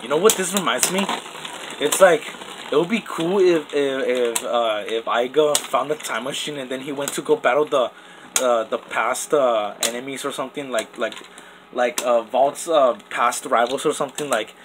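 With a mid-range voice at a moderate pace, the toy battle channel host chats off camera as tops clash, noise in the background. He's young, perhaps a teen, and rambles with lots of "like" and "literally" and many restarts.

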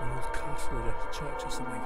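A man's voice: medium pitch, fairly even intonation, fast talker, loud music behind the voice. A middle-aged man with a Scottish accent, chatting casually to camera as he hosts an outdoor vlog. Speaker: vlog host. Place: outdoors on a countryside path. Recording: windy, noisy outdoor handheld recording.

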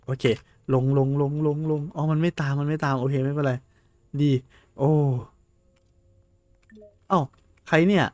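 A young man chatting casually over a game he is playing for the first time, excitable and quick to yelp when chased. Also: a little high, no echo. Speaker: game streamer. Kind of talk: casual let's-play commentary.

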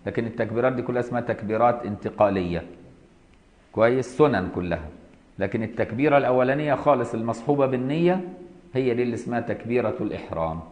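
A man's voice: medium pitch, animated, racing, a little mellow. A man with an Egyptian accent teaching Islamic law, reading a line of a classical text and then explaining it in everyday speech, with frequent checks that his students follow.

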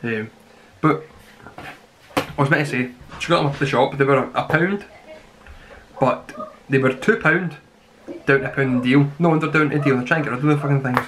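A man's voice: medium pitch, normal speed, long pauses. Young man chatting, noisy home recording. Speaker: snack reviewer. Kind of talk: casual chat review to camera. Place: small plain room indoors.

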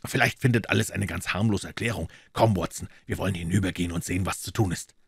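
A man voicing a calm, incisive male master detective in a measured, deliberate way. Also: deep voice, vocal fry, slightly rough, no room sound, studio quality, full character voice.

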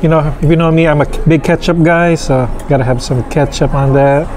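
There's background noise as a food vlogger in his thirties talks about restaurant food, recorded by a camera across the table from him on an outdoor patio. His voice runs a little high, and his delivery is slow, relaxed, and halting, packed with fillers.

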